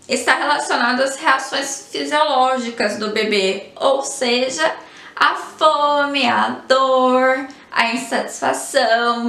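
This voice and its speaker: High bright-voiced woman explaining in an echoey room. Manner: explains patiently, ends phrases with "tá?" and "né?". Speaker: psychologist. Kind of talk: educational explainer.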